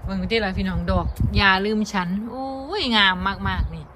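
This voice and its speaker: A woman's voice: mid-range voice, normal speed, background noise. A woman with an Isan Thai accent, chatting casually to her viewers in a vlog while showing a garden outdoors. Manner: chatty, addresses viewers as brothers and sisters. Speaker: vlogger.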